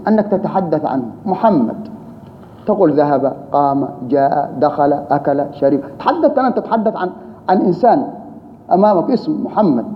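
A man teaching Arabic grammar, explaining patiently, repeating key terms and asking rhetorical questions. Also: on the high side. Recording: roomy reverb, dull lo-fi sound, faint hiss.

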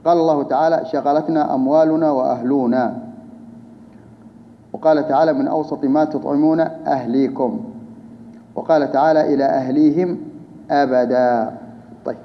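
A man's voice: on the high side, steady tone, fairly quick, pauses often. A man teaching a grammar lesson, explaining step by step and putting questions to his students. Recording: dull lo-fi hall recording with faint noise.

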